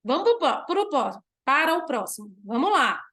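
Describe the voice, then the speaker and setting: A woman's voice: high voice, sing-song, a bit bright. A Brazilian woman teacher giving an online class, explaining patiently, posing questions and then answering them herself, and drawing out key words. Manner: drawn-out stressed words when demonstrating.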